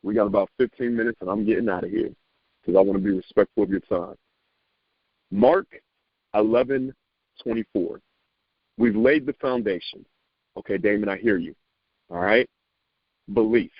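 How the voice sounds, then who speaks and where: Animated preacherly man on a dull, dry call. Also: on the low side, brisk, gravelly, no echo. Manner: animated, preacherly, repeats phrases and stammers when excited. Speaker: motivational speaker on a sales team call. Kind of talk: motivational talk.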